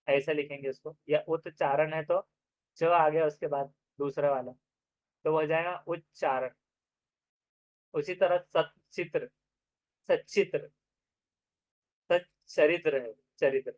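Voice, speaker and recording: A man teaching an exam-prep grammar lesson, explaining step by step and repeating each example slowly. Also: on the high side, dry recording. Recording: dry, phone-like narrow sound.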